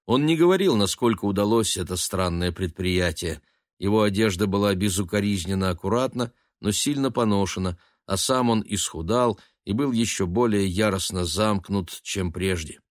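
A man narrating an audiobook in a measured, expressive storytelling manner. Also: on the low side, no echo, studio quality.

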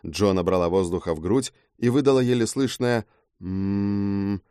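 A man with a low voice reads a fantasy audiobook in the first person with dramatic flair. His pitch moves about expressively. The recording is close and dry, with no room sound. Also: expressive, fairly quick, warm tone, no room sound. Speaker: audiobook narrator.

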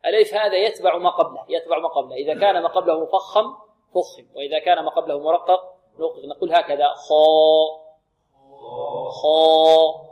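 A man's voice: fairly high pitch, fast talker, heavy reverb, highs cut off. A man teaching Quran recitation rules, asking rhetorical questions and drilling syllables aloud for students to repeat. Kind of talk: tajweed lesson with call-and-repeat drills.

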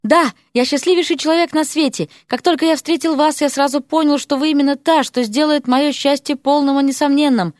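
A woman voicing a young male mage who pleads and flatters with gushing earnestness. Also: high-pitched, brisk, few pauses, no room sound, studio quality, pitched above the performer's own voice, lightly acted. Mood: pleading, gushing.

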